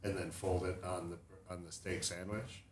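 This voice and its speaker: A man with a low voice describes his week on a podcast, halting and restarting as he hunts for the right word. The sound is roomy and echoey, with a faint wash of background noise. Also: little pitch movement. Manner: hesitant, full of restarts and fillers. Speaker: podcast co-host. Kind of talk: casual chat.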